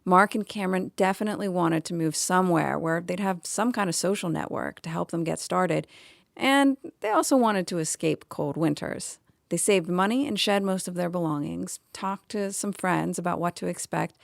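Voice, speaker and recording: A woman's voice: on the low side, lively intonation, moderate pace, creaky, no room sound, clean studio sound. A woman reading scripted narration for a radio documentary.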